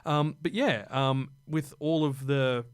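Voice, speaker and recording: A man co-hosting a laid-back anime podcast, rattling off film trivia between fillers. His voice sits at an ordinary middle pitch. It is recorded close and dry, with no room sound. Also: takes it slowly, clear, resonant tone, no echo. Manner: chatty, lots of fillers, runs through film facts. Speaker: podcast co-host. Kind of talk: casual anime podcast chat.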